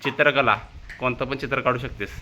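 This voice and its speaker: Bright-voiced village vlogger teasing kids. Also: male voice, medium pitch, steady tone, a little fast, dull audio. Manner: teasing, coaxing shy children. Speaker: vlogger interviewing family kids. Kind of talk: casual family vlog chat. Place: family home in a village.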